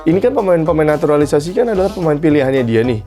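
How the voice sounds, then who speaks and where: A man co-hosting a casual podcast chat, agreeable and relaxed. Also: on the high side, rapid-fire, soft background music. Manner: agreeable, often backs up the other host. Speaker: podcast co-host.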